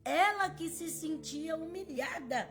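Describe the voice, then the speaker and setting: A woman's voice: very high voice, measured pace, fairly bright tone, soft background music. A woman pastor preaching a devotional sermon, stressing points by repeating words.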